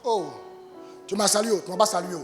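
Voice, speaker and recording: Pastor guy preaching hard, high voice, big echoey church hall, soft music behind. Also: fairly even intonation, fairly quick. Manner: impassioned preaching, rising to shouts. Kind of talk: sermon.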